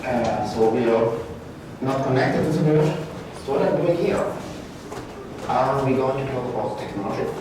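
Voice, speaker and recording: A middle-aged man giving a conference presentation in halting English, searching for words and correcting himself. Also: mid-range voice. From Peru. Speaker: guest speaker, art faculty lecturer. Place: large brick-walled event room, indoors. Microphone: far room camera, no mic. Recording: very echoey room, distant mic, background noise.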